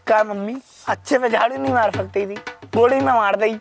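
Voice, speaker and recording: A man's voice: sits high, steady tone, a little fast, vocal fry. Guy acting young broke village son, complains in a rustic way, comedy skit with music under it. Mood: whining.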